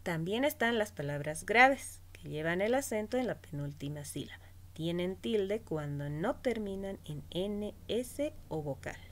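A woman teacher slowly giving a spelling lesson to children, stretching out each example word. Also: lowish voice. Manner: slow, stretched-out teaching voice, pronouncing words syllable by syllable.

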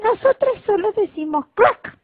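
Woman doing a squeaky cheeky little frog, croaky and teasing, tinny sound. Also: animated, unhurried, dry recording. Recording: tinny phone-like recording.

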